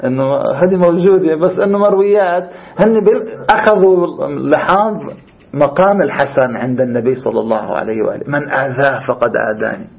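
A Levantine man gives an informal religious lesson at a quick pace in a fairly high voice. He explains with animation, moving between classical and colloquial Arabic. The recording is a little dull. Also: gravelly. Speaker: religious teacher of an Islamic seminary class. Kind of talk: informal lecture with discussion.

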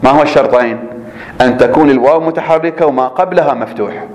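A man's voice: medium pitch, fast, echoey room, crowd noise, rough recording. A male teacher explaining a grammar point in class, repeating himself and checking that students follow.

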